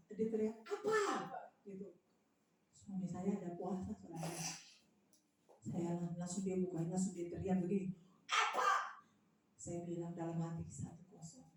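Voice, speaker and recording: Woman preacher in a booming echoey hall. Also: slight background noise. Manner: lively, animated storytelling with swings in loudness. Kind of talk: sermon. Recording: very echoey hall, mic from a distance.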